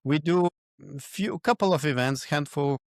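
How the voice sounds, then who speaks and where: A man, a podcast guest who talks in halting phrases and searches for his words. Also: fairly high pitch, no echo, clean studio sound. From Lithuania. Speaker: guest, event organizer. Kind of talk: podcast interview.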